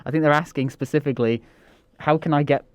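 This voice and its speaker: A man's voice: a little high, fairly even intonation, fast, no echo. A man co-hosting a podcast, joking and blunt as he reads out listener questions. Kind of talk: casual podcast chat.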